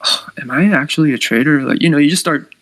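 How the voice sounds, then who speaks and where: A man's voice: on the high side, fast talker, a bit bright, no room sound, poor audio. A man giving casual trading advice on a live stream, talking loosely with lots of "like" and "you know".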